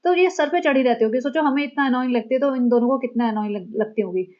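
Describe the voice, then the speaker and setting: A woman with a high voice runs a chatty, sarcastic gossip commentary. Her delivery is casual and teasing. The recording sounds dull and lo-fi. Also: fast talker.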